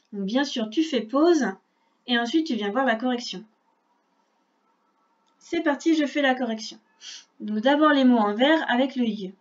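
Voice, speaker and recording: A woman teaching a reading lesson to young children, speaking slowly and clearly and spelling out sounds patiently. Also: fairly high pitch, muffled recording. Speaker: primary school teacher.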